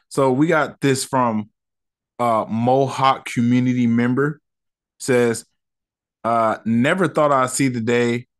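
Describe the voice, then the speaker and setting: In a mid-range voice, a man hosts a solo podcast, reviewing an episode in a relaxed, chatty style full of slang and fillers.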